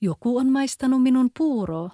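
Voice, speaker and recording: Stern papa bear in a storybook, rough voice, Kven accent, dry close sound, voiced by a woman. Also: sits high, expressive, dark tone, no room sound, pitched above the performer's own voice. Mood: indignant. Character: big father bear, gruff and stern.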